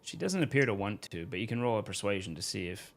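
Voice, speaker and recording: A man's voice: on the low side, big pitch swings, fast talker, vocal fry. A man running a tabletop role-playing game in a casual, conversational style as game master.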